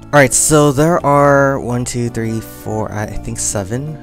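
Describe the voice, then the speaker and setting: A young gaming channel host plays a life-simulation game, giving casual let's-play commentary as he thinks aloud, counts and decides on choices. He speaks slowly in a medium-pitched, chatty voice, with soft music in the background.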